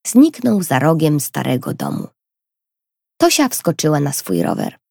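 Husky, gravelly woman reading a children's story. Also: sits low, unhurried, no room sound, clean studio sound. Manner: expressive, lively reading. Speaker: narrator.

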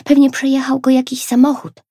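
A woman's voice: high voice, completely flat delivery, brisk, dark tone, breathy edge, no room sound, clean studio sound, voice pushed up. A woman voicing a cheerful little girl in a storybook reading, speaking in a chatty, pleased way.

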